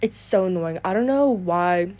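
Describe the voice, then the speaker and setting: A woman's voice: fairly low pitch, moderate pace. Chatty woman reading confessions aloud. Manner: chatty, filler-heavy talk with frequent "like"; animated, reactive asides between read passages. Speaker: video creator.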